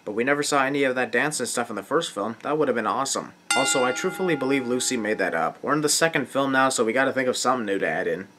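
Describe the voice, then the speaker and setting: Sarcastic guy doing deadpan nitpicky commentary, talks quick, music going behind him. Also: mid-range voice. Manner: mocking, deadpan asides. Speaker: host of a film nitpicking video. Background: film soundtrack music.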